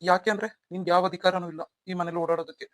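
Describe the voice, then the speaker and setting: Brief: woman as young husband, protective but quick to anger, low-ish voice, rapid and flat. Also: no room sound, lightly acted. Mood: angry. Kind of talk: melodramatic audio story acting.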